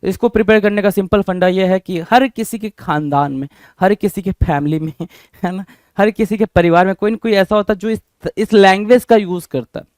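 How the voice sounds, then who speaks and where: Energetic high-voiced vocabulary teacher. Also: male voice, moderate pace, no echo, studio quality. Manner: energetic, drills words with repeated questions. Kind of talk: exam-prep vocabulary lesson.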